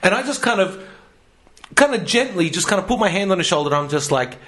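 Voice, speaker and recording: A man tells rambling, sweary stories in a casual comedy podcast. His voice sits a little high for a man, and he laughs his way through the anecdotes. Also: expressive, a little fast, fairly bright tone. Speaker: podcast co-host.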